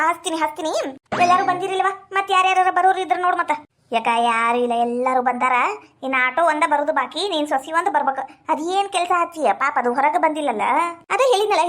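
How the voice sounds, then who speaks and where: Woman, North Karnataka Kannada accent, very high voice, rapid talk, scolding village comedy banter. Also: a bit bright. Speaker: village women comedy cast. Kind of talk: scripted village comedy sketch.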